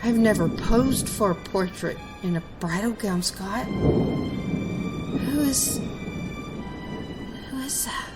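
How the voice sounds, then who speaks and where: A woman's voice: mid-range voice, takes it slowly, long pauses, over loud music, close to an everyday voice, low-quality recording. An actress playing a frightened young woman who has inherited a house, shaky and near tears, in an audio drama. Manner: shaky and anxious, crying at times.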